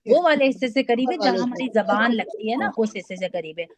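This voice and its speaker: Patient woman teacher, slightly high voice. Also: a loud crowd. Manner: patient, checks understanding with frequent questions, demonstrates sounds slowly. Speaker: Quran recitation teacher. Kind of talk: online class lesson.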